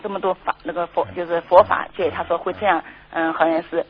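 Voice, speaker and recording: A woman calling in to a radio show, excitedly retelling a conversation in quoted lines. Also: lowish voice, fast talker, slightly rough. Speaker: caller. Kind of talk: radio call-in talk. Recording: lo-fi radio broadcast.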